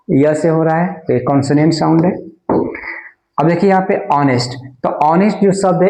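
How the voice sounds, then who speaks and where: A man's voice: on the high side, a little mellow. Bihari-accented man teaching in an echoey room. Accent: Bihari Hindi. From India. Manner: explains patiently, repeats words and asks questions. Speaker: English teacher. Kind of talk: classroom grammar lesson.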